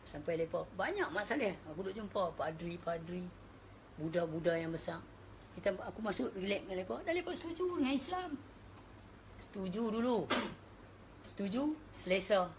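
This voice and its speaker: A woman's voice: medium pitch, a little hiss or hum. A woman with a northern Malaysian accent giving a casual religious talk, chatty and dropping in English words. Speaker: religious speaker.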